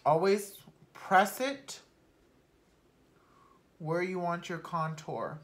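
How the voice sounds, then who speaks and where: A young woman talking casually through her makeup routine at home, chatty and unfiltered, swearing offhandedly and sometimes dropping to a soft murmur. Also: fairly low pitch, drawn-out words. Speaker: beauty vlogger. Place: at home, not in a studio.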